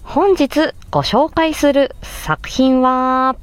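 A woman with a high, smooth voice speaks extremely slowly. She's hosting a casual solo audio stream, chatting politely and explaining things as she goes. She works as a host and amateur voice actress.

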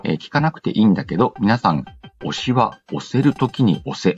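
Talking a little fast in a lowish voice with big pitch swings, a man hosts a relaxed radio-style show, reading listener letters in a slangy, playful way and cutting in on himself with asides. The sound is dull and lo-fi, with background music.

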